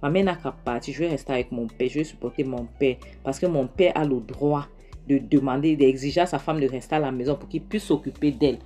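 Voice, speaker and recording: A woman's voice: sits low, dark tone. A woman voicing a stubborn, insolent young woman who talks back defiantly. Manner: defiant, dismissive.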